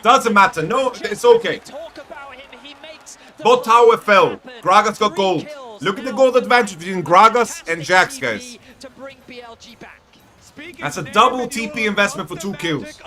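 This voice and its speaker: A hoarse man costreaming an esports final, reacting quickly and repeating himself as he talks to his chat. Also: high-pitched, animated, pushed and bright. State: hoarse from shouting. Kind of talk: excited live esports co-commentary.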